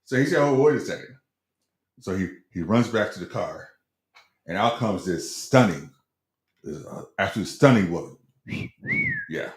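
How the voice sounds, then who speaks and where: A man's voice: low-pitched, animated, normal speed, long pauses. A middle-aged man co-hosting a casual sports talk show, hedging and stumbling over repeated words as he tells stories. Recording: roomy echo.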